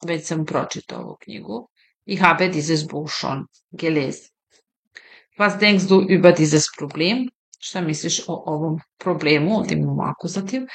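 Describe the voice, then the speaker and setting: A woman teaches German at an unhurried, deliberate pace, her voice a touch low. She says each example sentence slowly and carefully, then explains it in a relaxed, conversational way. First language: Serbian. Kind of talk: slow, deliberate language lesson.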